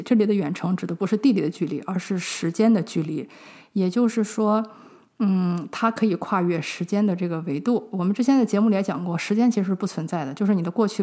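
A woman's voice: mid-range voice, quick pace. A young adult woman from China, hosting a podcast and chatting through a personal story, acting out remembered conversations. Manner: chatty, fillers and animated retold dialogue. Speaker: podcast host.

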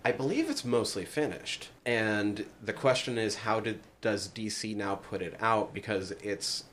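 A man's voice: lowish voice, expressive, unhurried, a bit bright. A man hosting a podcast who quizzes his co-host in a dry, teasing way. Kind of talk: casual chat.

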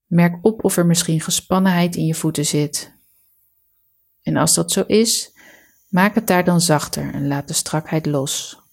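Female meditation guide: lower register, noticeable vocal fry, calm and soothing, measured relaxation instruction.

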